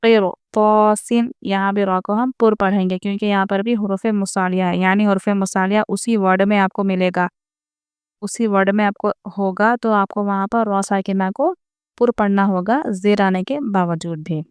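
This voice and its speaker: Very clear-voiced woman teaching recitation. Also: medium pitch, steady tone, moderate pace, dry recording, clean studio sound. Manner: patient step-by-step explaining, repeating each point; addresses viewers directly. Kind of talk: online recitation lesson.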